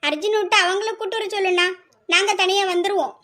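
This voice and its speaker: A woman doing a calm, motherly aunt. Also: very high voice, fast. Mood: reassuring. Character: middle-aged aunt Lakshmi, calm and motherly.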